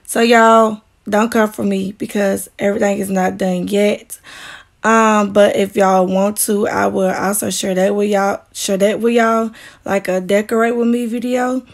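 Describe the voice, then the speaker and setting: A woman's voice: medium pitch, level tone, measured pace, gravelly. A young woman chatting casually to her viewers in a small apartment, calling them y'all, with the sound of a camera set some distance away. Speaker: cleaning vlogger.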